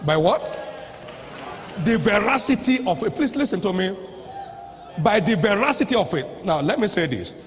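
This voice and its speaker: A man preaching a sermon at a convention, emphatic and repeating lines as he rises to shouts. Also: high voice, very animated, moderate pace, long pauses, a little hiss or hum. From Nigeria. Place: large convention hall. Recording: reverberant live hall recording.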